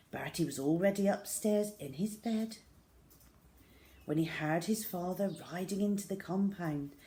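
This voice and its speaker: With a lowish voice, she reads a children's story in a dramatic, measured, expressive style, leaning on hushed emphasis.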